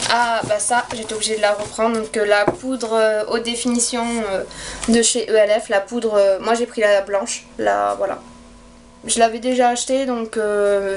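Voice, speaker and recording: A woman's voice: a little high, slight background noise. A young woman chatting casually through a makeup haul, hesitant, with many fillers and restarts. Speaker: beauty vlogger. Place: bedroom at home.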